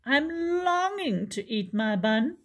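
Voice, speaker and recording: A woman's voice: a little high, very animated, takes it slowly, full character voice. A woman voicing a polite, patient male bear who pleads and sighs in a storybook reading. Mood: pleading. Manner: plaintive, pleading, sighing.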